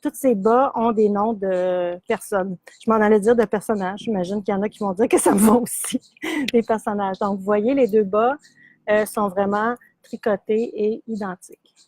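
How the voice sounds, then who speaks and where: A woman's voice: mid-range voice, moderate pace, a little mellow. A middle-aged woman with a Québécois French accent, chatting casually as she shows yarn and sock blanks on a live stream, full of fillers and easy laughs. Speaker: yarn shop host. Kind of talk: casual live product demo.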